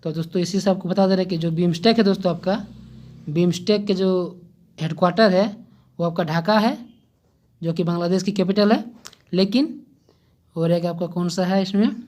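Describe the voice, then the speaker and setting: A man's voice: sits high, darkish tone. A man giving a casual exam-prep lesson, chatty and a little hesitant, often checking in with "okay?" and addressing listeners as friends. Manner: pauses and hesitates, loses his place. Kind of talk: casual general-knowledge lesson.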